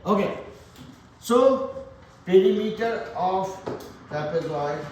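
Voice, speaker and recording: A man's voice: high voice, slow pace, a little mellow. A man teaching a math class, mixing pep talk with dad jokes and talking straight to his students. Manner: joking, motivational, addresses class directly. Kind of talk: classroom lesson. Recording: echoey classroom from far off.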